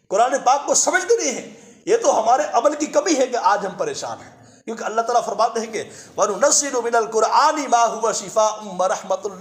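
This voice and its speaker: A man preaching a sermon, retelling a story with emphatic repetitions. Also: high-pitched. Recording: echoey room.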